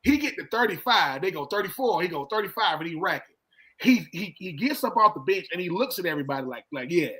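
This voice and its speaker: A middle-aged former football player talks sports in a casual, colloquial way, repeating himself and acting out the exchanges he quotes. His high, bright voice is animated and forceful, and he talks fast in this lively sports storytelling.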